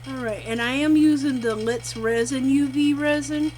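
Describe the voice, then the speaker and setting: Her voice is high, a little mellow and steady in tone, at a normal speed. She hosts a casual craft demonstration, talking to herself folksily, against the sound of a running machine and vacuum pump.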